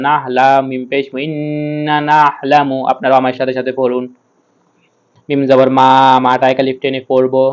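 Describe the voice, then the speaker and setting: Man teaching Quran reading, smooth voice. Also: medium pitch. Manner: spells out letters slowly, then chants the word. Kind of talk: step-by-step recitation lesson.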